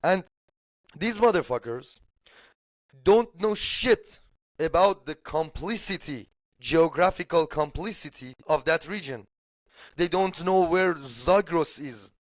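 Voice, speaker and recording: A political podcast speaker from Shiraz, Iran, whose first language is Persian, talks casually and bluntly about politics with an Iranian accent, emphatic and swearing freely. His slightly high voice has lively intonation and a slow pace, recorded dry.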